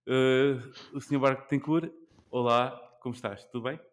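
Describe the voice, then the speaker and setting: A man's voice: mid-range voice, steady tone, normal speed. Hesitant Portuguese man in his forties. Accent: European Portuguese. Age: 40s. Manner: hesitant, many fillers and restarts. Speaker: podcast host. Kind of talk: casual chat.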